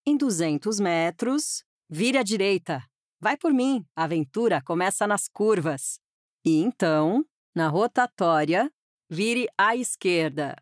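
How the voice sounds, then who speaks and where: A woman's voice: mid-range voice, lively intonation, a little slow, no room sound, studio quality. A woman delivering scripted, playful GPS directions in a teasing, flirty, upbeat way. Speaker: playful navigation voice.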